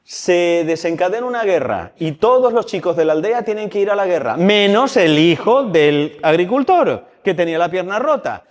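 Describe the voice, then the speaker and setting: A man's voice: high-pitched, very animated, a little fast, hardly any pauses, darkish tone. A man giving a colloquial, humorous religious talk to a youth gathering in a crypt. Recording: long hall reverb.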